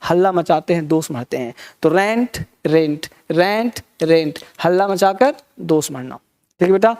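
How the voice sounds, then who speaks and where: A man's voice: fairly high pitch, expressive, a little slow, a little mellow. A man teaching a vocabulary lesson, repeating words in rhythmic drills and leading the class in call-and-response. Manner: repetitive rhythmic drilling of word tricks.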